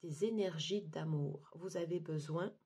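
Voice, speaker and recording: A woman giving a monthly tarot card reading, talking haltingly with many fillers and restarts. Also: low voice, darkish tone, breathy edge. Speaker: tarot reader.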